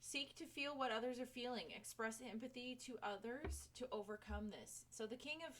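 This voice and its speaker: A woman's voice: a little high, normal speed, a bit bright, slight background noise. A woman giving a casual tarot reading, speaking frankly to the viewer and swearing freely. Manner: chatty, talks to viewer directly. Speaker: tarot reader.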